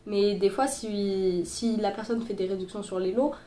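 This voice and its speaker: Recorded on her boyfriend's phone in a reverberant space with slight background noise, this sewing vlogger talks through a tutorial in a casual, halting way, with plenty of fillers and restarts. She's a young woman with a medium-pitched, dark-toned voice at normal speed, a little congested from a cold.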